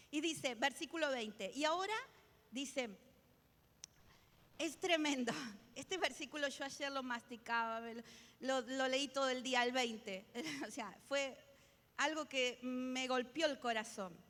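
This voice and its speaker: A woman's voice: high-pitched, fairly bright tone, big-room sound. A woman pastor preaching a sermon, emphatic and repetitive, often restarting her words. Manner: emphatic, repeats key phrases, many restarts.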